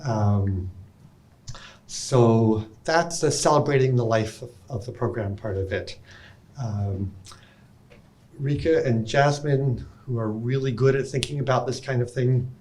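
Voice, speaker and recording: A man's voice: mid-range voice, unhurried. A man losing his voice, giving a rambling, informal welcome talk into a handheld microphone in a conference room. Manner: warm, rambling, many ums and restarts. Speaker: session speaker at an alumni reunion.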